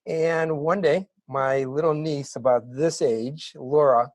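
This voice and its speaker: A middle-aged man telling his story as an interview guest, animated and building to excited bursts. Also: on the high side, slow pace, no room sound. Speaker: interview guest, wig maker.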